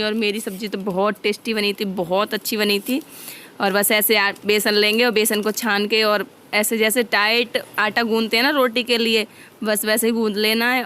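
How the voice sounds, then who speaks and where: A woman's voice: fairly high pitch, fairly bright tone, clear, resonant tone. A young adult woman chatting homely and directly to viewers as she narrates a casual home vlog. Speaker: vlogger.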